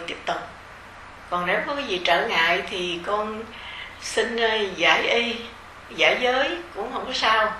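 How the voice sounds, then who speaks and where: Slow, bright-voiced Southern Vietnamese woman teacher. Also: medium pitch, echoey room, slight background noise, rough recording. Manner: gentle, unhurried, conversational with soft fillers. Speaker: meditation teacher leading a retreat. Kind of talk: informal dharma talk to retreat participants.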